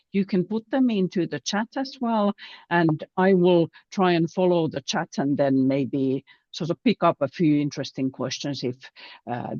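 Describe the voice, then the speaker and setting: A woman's voice: lowish voice, a little mellow, no room sound. Woman running a video call info session, chatty, sounds dull and dry. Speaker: session moderator. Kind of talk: online info session hosting.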